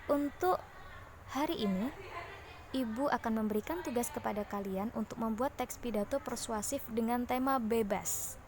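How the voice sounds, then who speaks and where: Woman teacher, slightly high voice, lesson delivery to a class, faint room noise. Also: moderate pace. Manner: explains step by step, ends points with "seperti itu".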